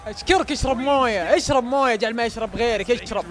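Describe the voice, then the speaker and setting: Brief: male streamer, fast-talking, excitable and chant-heavy. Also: very high voice, music in the background. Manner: excitable, cheers and chants repeatedly, urges the team on. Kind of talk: excited live watch-along commentary.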